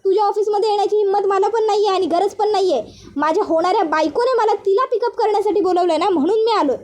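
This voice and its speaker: A woman's voice: very high voice, quick pace, a little mellow. A woman voicing a protective, confrontational young man in a retold serial, talking in a threatening way. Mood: angry.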